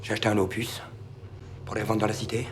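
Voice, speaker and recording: A man's voice: on the low side, little pitch movement, heavy background noise, close to an everyday voice. An actor playing a defiant, foul-mouthed young male suspect under questioning in a crime TV drama. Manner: insolent, mocking, quick to shout.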